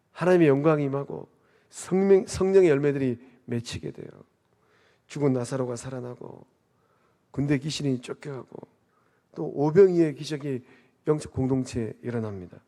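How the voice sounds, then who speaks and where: A man's voice: mid-range voice, darkish tone. A man preaching a sermon as a pastor, asking rhetorical questions and swelling up to emphasize his points. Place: church sanctuary. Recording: long reverb of a church hall.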